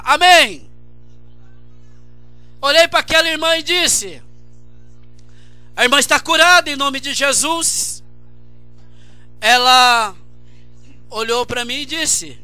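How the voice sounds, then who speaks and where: Brazilian pastor guy, radio sermon, fired up, bright sharp voice, dry close sound. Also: very high voice, dry recording. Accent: Brazilian Portuguese. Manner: impassioned preaching with shouted repetitions.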